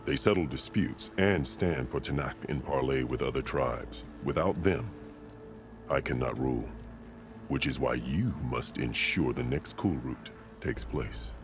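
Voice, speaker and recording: In this dramatic game dialogue, an authoritative warrior chief bearing battle scars speaks with an exceptionally deep voice. He sounds like a ruler devoted to order, formal and solemn in his measured storytelling, while music is clearly audible in the background.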